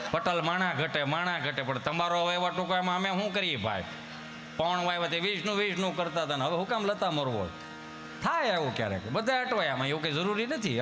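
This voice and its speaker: Bright-voiced Kathiawadi stand-up comedian. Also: male voice, high-pitched, a little hiss or hum. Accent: Kathiawadi Gujarati. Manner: folksy, anecdotal, chuckling as he talks. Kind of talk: folk stand-up storytelling.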